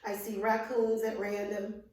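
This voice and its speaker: A woman, a guest in a casual interview, warm and laughing often. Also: mid-range voice, little pitch movement, measured pace, slight background noise. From Albany, Georgia, US. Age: 50s. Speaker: interview guest, insurance adjuster. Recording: echoey room, distant from mic.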